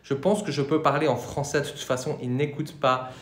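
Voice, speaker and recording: A man's voice: mid-range voice, flat delivery, fairly quick. A man vlogging casually as he tests an app, talking in a chatty way and hesitating with many fillers, recorded on a camera on a tripod. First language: French. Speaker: tech vlogger. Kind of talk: casual tutorial vlog. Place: indoor room with a neon light. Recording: echoey room.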